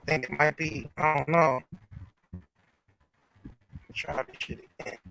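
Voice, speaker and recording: A man's voice: on the high side, little pitch movement, measured pace, creaky, noisy background. A man chatting casually and laid-back on a live stream, his audio choppy and breaking up. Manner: laid-back, slangy, cursing.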